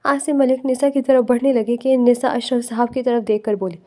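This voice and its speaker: A woman narrating a romance novel with steady storytelling. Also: on the high side.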